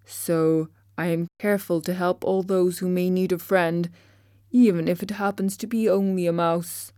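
A woman voicing a kind, courteous male tin man who speaks slowly and earnestly. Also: fairly low pitch, steady tone, warm tone, dry recording, clean studio sound, natural voice. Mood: gentle.

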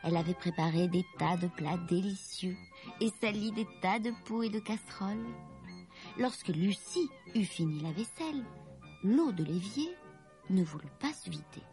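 A woman reading a children's story aloud, slow and expressive with gentle dips in pitch. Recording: dry close recording with faint music.

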